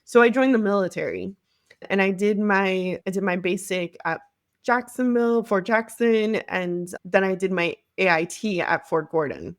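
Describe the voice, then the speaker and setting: A podcast guest who heads a marketing agency and hails from the Cleveland area speaks at a moderate pace with a medium pitch. Her studio-quality recording has no room sound, and she recounts her story frankly and conversationally, often reenacting what people told her.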